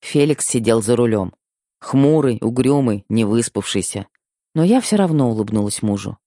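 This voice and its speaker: Guy reading a novel aloud, steady storytelling, dry studio sound. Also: mid-range voice, normal speed, no echo. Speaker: audiobook narrator. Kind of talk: first-person scripted narration.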